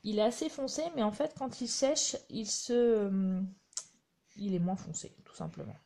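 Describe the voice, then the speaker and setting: A woman's voice: mid-range voice, lively intonation, moderate pace, dark tone. Chatty woman demonstrating crafts. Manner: chatty, narrates her hands-on work with little asides. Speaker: crafting demonstrator hosting a live stream. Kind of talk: live craft tutorial chat.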